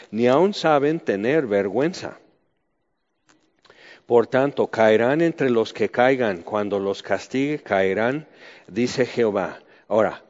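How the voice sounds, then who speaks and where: A man's voice: medium pitch, darkish tone. A man preaching, reading Bible passages aloud and commenting on them in a loose, conversational way. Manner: reads scripture then comments in a loose conversational way. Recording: dull roomy recording with long reverb.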